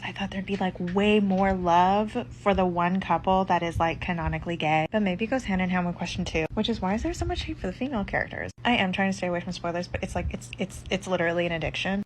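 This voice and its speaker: A woman's voice: mid-range voice, a little hiss or hum. A woman chatting casually in an emphatic, slangy way, like a fan putting questions to other fans. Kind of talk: casual chat to camera.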